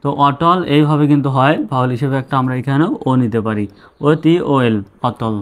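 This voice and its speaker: A man's voice: mid-range voice, brisk. Patient man spelling out letters. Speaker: English teacher. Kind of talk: spelling lesson.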